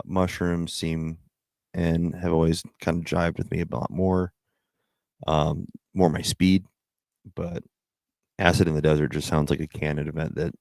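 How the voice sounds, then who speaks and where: A man's voice: low voice, vocal fry, dry recording, clean studio sound. A man chatting casually as a livestream host, in a rambling, slangy way with some swearing.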